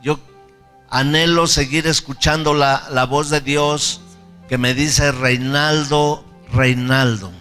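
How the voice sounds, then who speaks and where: Male pastor, sermon, fervent and repetitive, leading prayer, bright tone, faint music behind. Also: a little high, little pitch movement, slow, in a large hall. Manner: fervent, repetitive preaching that leads the congregation in prayer.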